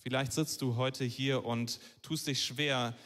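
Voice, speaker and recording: A man's voice: mid-range voice, fairly even intonation, slow pace, a bit bright. Man, live sermon interpreter, hesitant, frequent fillers, long hall reverb.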